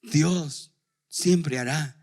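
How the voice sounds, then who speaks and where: A man's voice: a little high, extremely slow, darkish tone. A man preaching a sermon as pastor, who asks the congregation questions and leaves them to fill in the answers.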